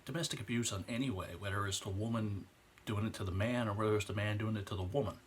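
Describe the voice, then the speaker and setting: In a personal vlog, a man in his 20s speaks with passion and sincerity, his emotion showing as he slows for weighty moments. The pitch is fairly low and the tone steady, with slight noise in the background.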